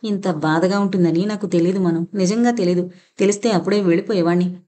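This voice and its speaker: Woman voicing a conflicted middle-aged man, tense, halting, mellow timbre, audio novel. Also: lowish voice, fairly even intonation, lightly acted. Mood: sorrowful.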